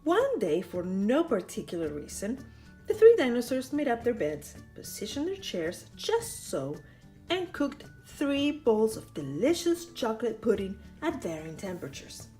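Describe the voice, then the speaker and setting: A woman's voice: fairly high pitch, huge pitch swings, unhurried, warm tone, soft background music. A woman reading a children's picture book aloud in a playful way, with teasing asides to the listener. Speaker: storyteller.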